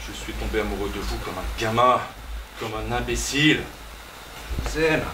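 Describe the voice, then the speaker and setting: A man's voice: fairly low pitch, moderate pace, noisy background, natural voice. A man acting as a lovestruck landowner on stage, stammering and impassioned, heard from far off in an echoey hall. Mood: desperate. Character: impulsive male landowner, proposing wildly. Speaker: stage actor.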